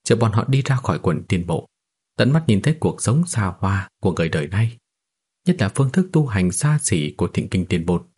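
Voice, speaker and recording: A male narrator reading a fantasy novel aloud at a steady, even pace. His voice is low with a husky, slightly breathy grain. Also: brisk. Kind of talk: scripted audiobook narration.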